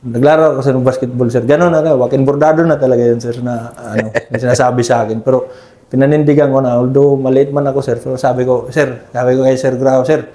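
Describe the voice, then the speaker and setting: A mellow-voiced man recounts combat memories in a respectful, unhurried way. He tacks "sir" onto almost every phrase. The sound carries a roomy echo. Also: medium pitch, steady tone. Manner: deferential, ends nearly every phrase with "sir". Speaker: army scout ranger team leader. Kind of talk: conversational war story interview.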